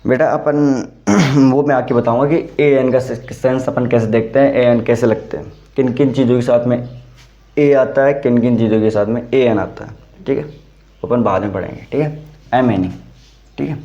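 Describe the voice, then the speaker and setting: A man's voice: medium pitch, fairly even intonation, normal speed, warm tone. A man teaching an English grammar class in Hindi, explaining step by step, calling his students "beta" and checking if they understood. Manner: explains step by step, asks "samajh mein aaya?"; calls students "beta", repeats "theek hai". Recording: dull lo-fi sound.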